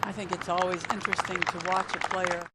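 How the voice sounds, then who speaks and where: A male golf commentator offers conversational analysis of shots and greens. His pitch is notably high for a man, and heavy outdoor background noise surrounds the voice. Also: level tone, a little fast.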